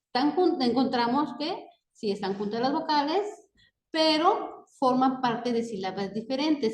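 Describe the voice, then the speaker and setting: A woman with a fairly high voice teaches a grammar lesson at a very slow, careful pace. She reads each example word on its own. Her voice rings in an echoey room. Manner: checks in with a rising "¿sí?" after each point; reads example words slowly one at a time.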